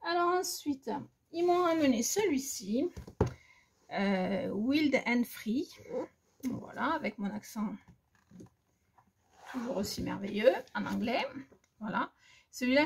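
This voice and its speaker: A woman's voice: a little high, lively intonation, unhurried, pauses often, slight background noise. A woman casually showing craft paper pads in a vlog, talking hesitantly with many fillers and restarts. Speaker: crafting vlogger. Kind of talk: casual haul chat. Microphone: phone.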